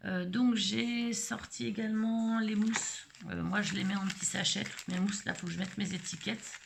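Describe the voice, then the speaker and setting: Gravelly-voiced woman demoing crafts. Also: mid-range voice, fairly even intonation, normal speed, background noise. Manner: rambling, many hesitations and fillers. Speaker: scrapbooking vlogger. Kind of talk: casual live craft demonstration.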